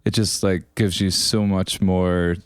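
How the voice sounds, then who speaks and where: A man's voice: sits low, little pitch movement, a little slow, smooth, no echo, clean studio sound. A man co-hosting a casual podcast, agreeable and rambling a little as he makes his points. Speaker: podcast co-host.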